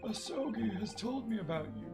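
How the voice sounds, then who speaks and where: A man voicing a courteous elderly male professor who speaks formally and slowly, over game music. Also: sits high, lively intonation, gravelly, low-quality recording. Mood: grave. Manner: formal, measured old-man delivery.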